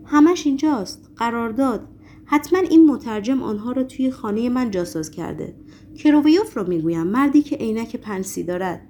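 A woman reading aloud, voicing a panicky, bullying male building chairman who shouts in a gruff, flustered way. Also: mid-range voice, animated, slight background noise, lightly acted. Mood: panicked.

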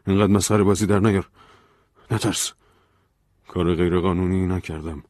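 A man's voice: deep voice, fairly even intonation, a little mellow, no echo, studio quality, lightly acted. A man voicing a paranoid young man who urgently and secretively begs a friend to keep his papers safe. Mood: urgent worried.

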